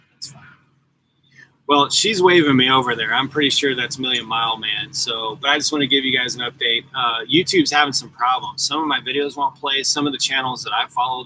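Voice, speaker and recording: A man's voice: medium pitch, fairly even intonation, fairly quick, sharp tone, slight background noise, poor audio. A man in his forties, a truck driver chatting casually and rambling to viewers on a live stream from his parked truck at the yard. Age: 40s. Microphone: laptop mic.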